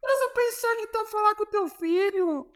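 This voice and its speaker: A hot-tempered older football coach yells in a strained, high-pitched shout, as a man imitates him. The voice jumps far above the speaker's normal pitch and sounds as if it carries across a training pitch. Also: normal speed. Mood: scolding.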